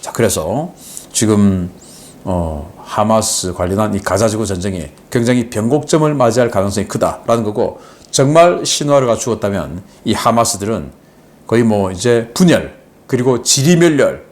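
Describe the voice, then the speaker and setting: A man's voice: lowish voice, animated. A man hosting a defense affairs channel, giving casual spoken commentary in an explanatory way. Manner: explanatory, often starts phrases with a drawn-out "자".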